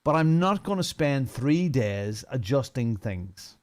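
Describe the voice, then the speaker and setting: A very animated but slow-speaking man with a mid-range, darkish voice offers casual first impressions of a racing game. He's in his fifties, from Northern Ireland, and heads a sim racing community as a streamer, talking in a chatty, unscripted way.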